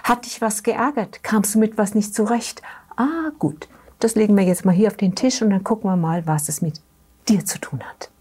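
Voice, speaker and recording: Husky middle-aged woman telling anecdotes. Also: medium pitch, moderate pace, a little mellow. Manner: explains with anecdotes, asks listener questions. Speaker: guest, therapy practitioner. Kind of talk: conversational storytelling in an interview.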